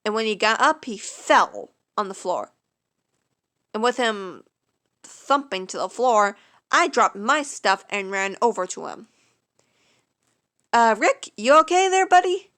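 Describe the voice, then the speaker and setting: A woman narrating a first-person fan story in a casual, unpolished way, with fillers and cleared throat. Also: mid-range voice, animated, unhurried, sharp tone.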